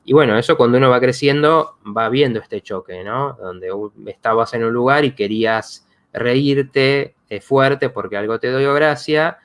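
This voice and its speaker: A man's voice: mid-range voice, a little slow, clear, resonant tone. A man, hosting a psychology live stream and talking in a reflective way with many fillers and restarts. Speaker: psychologist host.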